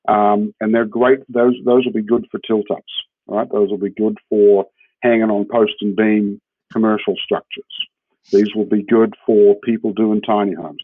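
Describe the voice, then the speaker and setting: Over a muffled, narrowband phone-style connection, a New Zealand-accented man describes his hemp building work as a relaxed interview guest, regularly checking in with whoever's listening. His voice sits on the low side and is slightly rough, and the recording is dry.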